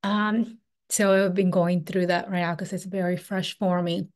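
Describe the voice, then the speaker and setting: Over a video call picked up by a webcam, a Peruvian woman teaches a spiritual workshop in a casual, flowing style, full of "like" and "um." Her voice is lowish and mellow, her delivery flat and a bit slow.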